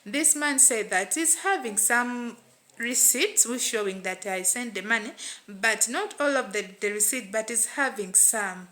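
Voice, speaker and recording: A woman with a Ugandan English accent tells a first-person story aloud, with a bright, forceful tone and a voice that sits a little high. She keeps circling back with repeated phrases and loose fillers. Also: expressive, measured pace. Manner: repetitive, plain retelling with "what and what" fillers.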